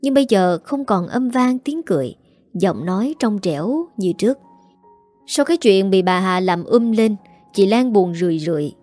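A woman narrating a family story in a steady, dramatic telling. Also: medium pitch, normal speed. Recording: dry, faint music behind.

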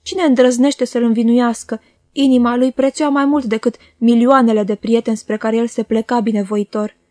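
A woman's voice: fairly high pitch, fairly even intonation, a little mellow, dry recording, clean studio sound, natural voice. A woman voicing a bitter, scornful jealous woman. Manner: scornful, impassioned outbursts. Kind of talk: audiobook character voice.

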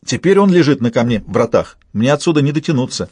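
A man reading an audiobook in a measured, tense first-person narration. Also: medium pitch, lively intonation, darkish tone, husky, no echo, clean studio sound. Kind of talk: scripted narration.

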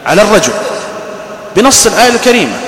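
A man preaching a mosque sermon, telling lively everyday stories and acting out the people he quotes. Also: sits high, quick pace. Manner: lively storytelling with mimicked quotes. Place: mosque hall. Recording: roomy reverberant hall, faint ambience.

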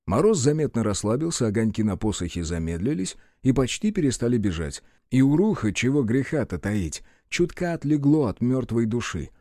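A man narrating an audiobook in a lively, expressive way. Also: medium pitch, moderate pace, few pauses, no echo, studio quality.

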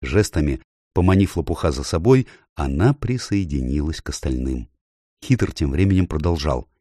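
A man with a deep voice reads a children's story aloud. His pitch moves a lot as he tells it, and the recording is close and dry. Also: moderate pace, no echo. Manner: expressive storytelling. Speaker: audiobook narrator. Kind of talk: scripted narration.

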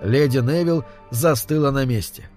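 Man calmly narrating a dark tale. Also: medium pitch, soft background music. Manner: calm, measured storytelling. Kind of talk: storybook narration.

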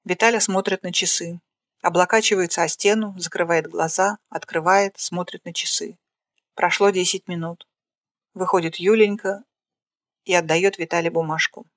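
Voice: medium pitch, normal speed, no room sound. A dry, plain screenplay reader. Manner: plain, flat reading of stage directions. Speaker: narrator reading a screenplay. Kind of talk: reading a screenplay aloud.

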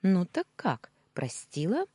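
Calm, teasing young maid and confidante, low and husky, as a woman narrator puts her on in a storybook reading. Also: slow, no echo, exaggerated voice. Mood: gentle. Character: caring young female housemaid friend, calm and wry.

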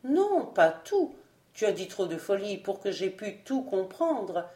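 Woman doing a soft melancholy young madman. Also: medium pitch, very animated, a little slow, reverberant. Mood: earnest. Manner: gentle, melancholy. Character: young albino man, wild, soft and melancholy.

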